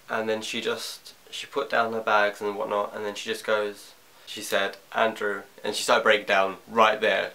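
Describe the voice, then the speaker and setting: Young man, bright lowish voice. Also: gravelly. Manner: halting, reflective storytelling. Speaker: vlogger. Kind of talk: personal confessional vlog. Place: bedroom at home.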